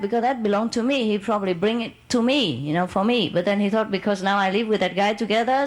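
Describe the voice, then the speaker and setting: A woman's voice: medium pitch, poor audio. A woman telling a long personal story in casual, non-native English, rambling and laughing as she goes.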